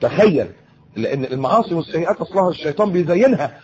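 A man's voice: on the high side, animated, rapid-fire, a little mellow, highs cut off. A man with an Egyptian accent giving an earnest religious talk to teenagers, warning and repeating himself. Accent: Egyptian Arabic. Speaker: preacher.

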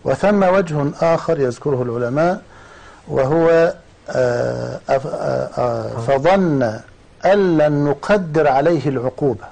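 Mellow-voiced man explaining scripture. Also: on the high side, creaky, low-quality recording. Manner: measured, cites scripture and scholars. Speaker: guest scholar. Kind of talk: scholarly explanation.

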